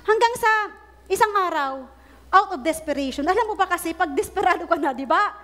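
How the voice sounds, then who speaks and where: A woman preacher, telling a story in her sermon with animated delivery and English phrases mixed in. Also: extremely high pitch, a little fast. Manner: animated storytelling, acting out quoted prayers; mixes Tagalog with English phrases.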